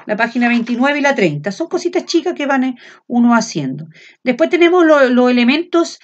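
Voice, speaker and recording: Chilean woman teacher lecturing loudly without shouting, full of filler sounds and quick checks, on a dull lo-fi recording. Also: sits high, big pitch swings. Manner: speaks loud without shouting. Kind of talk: classroom lecture.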